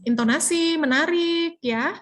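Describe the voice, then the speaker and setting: A high-pitched young woman teaches in a relaxed, conversational way, dropping English phrases into her talk. She keeps checking in with "ya" as she explains, like a friendly tutor running an online workshop. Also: a little slow, soft background music. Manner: chatty, mixes English terms into explanations, frequent "ya" tags. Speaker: IELTS tutor. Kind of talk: casual online workshop lecture.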